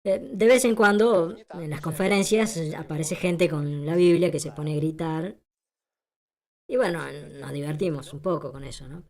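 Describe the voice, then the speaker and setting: A woman's voice: deep voice, normal speed, darkish tone. A woman giving a translated lecture as a voice-over. She is emphatic and rhetorical, repeats her points and asks the audience questions.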